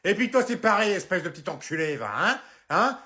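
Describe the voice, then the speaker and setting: A man's voice: sits high, expressive, fairly quick, sharp tone, pitched above the performer's own voice. A man voicing a spiteful, foul-mouthed old grandmother who scolds and insults her family in a comedy sketch.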